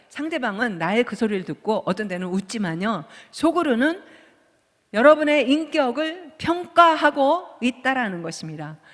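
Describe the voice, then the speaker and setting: A Korean woman pastor in her fifties giving a conversational sermon, asking the congregation rhetorical questions. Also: fairly high pitch. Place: church sanctuary. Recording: long church hall reverb.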